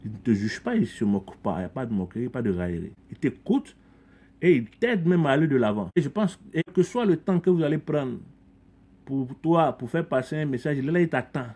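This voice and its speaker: In this conversational podcast interview, the guest is a middle-aged community leader from Ivory Coast whose mid-range voice swings widely in pitch and sounds a little fast, a little mellow and slightly rough. He talks earnestly and reflectively, often repeating words as he restarts phrases.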